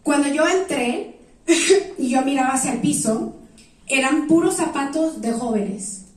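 A woman's voice: high voice, unhurried, a little mellow. A woman earnestly giving a confessional personal testimony to an audience. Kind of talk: emotional testimony talk. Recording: echoey hall from far off.

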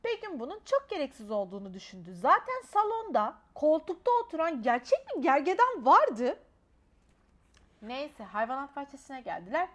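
A woman's voice: high voice, big pitch swings, normal speed, fairly bright tone. A woman expressively reading a children's storybook aloud.

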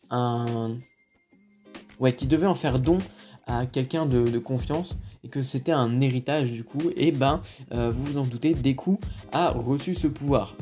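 A man's voice: mid-range voice, warm tone. A man with a French accent hosting a casual film review podcast, talking hesitantly with many fillers and restarts. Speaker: podcast host.

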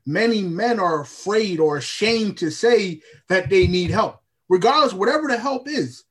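A man's voice: high voice, animated, moderate pace, slightly rough. A man hosting a podcast, asking probing questions and affirming his guest often. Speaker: podcast host. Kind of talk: interviewing.

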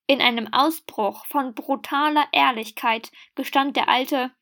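A woman's voice: high voice, unhurried, fairly bright tone. A woman reading a humorous short story aloud in a dry, understated way. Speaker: reader.

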